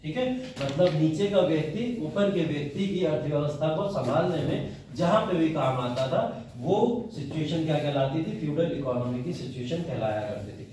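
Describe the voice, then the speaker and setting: A man's voice: a little high, normal speed, darkish tone, slight background noise. A man teaching a history class, asking his students questions and answering them himself. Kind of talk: classroom lecture. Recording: very echoey room, mic far off.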